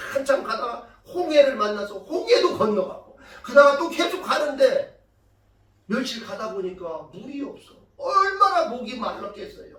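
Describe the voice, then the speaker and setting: A woman pastor delivers a sermon as a lively story, tossing questions out to the congregation and punching key points loudly. Her voice rings through a reverberant church sanctuary. She stands some distance from the microphone. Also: fairly high pitch. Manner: lively storytelling, quizzing the congregation, sudden loud emphasis. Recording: echoey church hall from far off.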